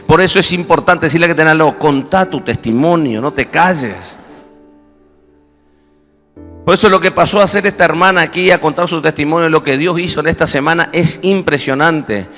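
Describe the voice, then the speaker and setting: A pastor with a Rioplatense Spanish accent, telling a story in his sermon and building to impassioned shouting. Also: fairly high pitch, long reverb tail.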